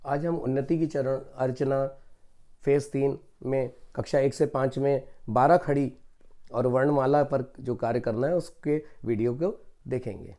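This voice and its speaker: A man's voice: mid-range voice, mellow. A male teacher giving an online lesson on reading syllables, explaining patiently and reciting each sound one by one. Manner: slow, deliberate syllable-by-syllable recitation.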